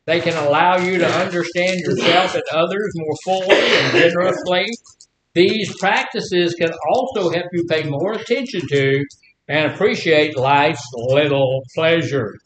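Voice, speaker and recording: An older man in his seventies with a Mississippi Southern accent, giving an informal, folksy teaching talk to a group, repeating phrases and asking rhetorical questions. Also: unhurried. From Mississippi, United States. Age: 70s. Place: echoey indoor room. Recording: echoey room, faint background noise and rumble.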